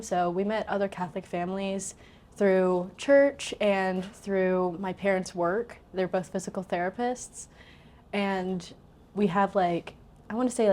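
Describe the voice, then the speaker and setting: A woman's voice: medium pitch, darkish tone. A woman in her twenties from southern Indiana, a pharmacy student, chatting casually as an interview guest and often saying "like". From southern Indiana, USA. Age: 20s. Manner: chatty, lots of "like", laughs easily. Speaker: pharmacy student and council president.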